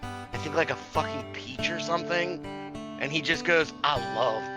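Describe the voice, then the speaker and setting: A man co-hosting a casual podcast, excitable and swearing, full of "dude" and "like", with music clearly playing behind. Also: fairly high pitch, moderate pace. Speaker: podcast co-host.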